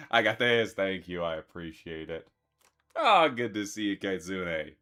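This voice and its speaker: A man streamer chatting casually with his viewers, relaxed and chuckling as he thanks them. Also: sits low, slow, faint music behind. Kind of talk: casual live-stream chat.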